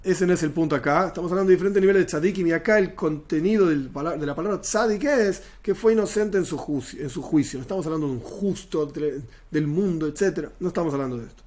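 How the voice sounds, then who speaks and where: A man's voice: on the high side, fast talker, few pauses, darkish tone. A man giving a Torah lesson, explaining Hebrew terms and glossing each one in plain language. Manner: explanatory, repeats Hebrew terms then glosses them in Spanish. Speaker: Torah teacher.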